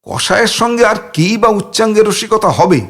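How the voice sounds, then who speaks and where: Brief: male audiobook reader with a high voice, expressive storytelling. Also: normal speed. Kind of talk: storytelling narration.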